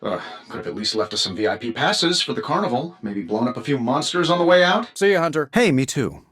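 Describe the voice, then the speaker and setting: Man acting a cocky, lively-pitched wisecracking superhero inventor, Iron Man. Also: quick pace, natural voice. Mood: cocky, playful. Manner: glib, sardonic, self-assured. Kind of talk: video game voice acting.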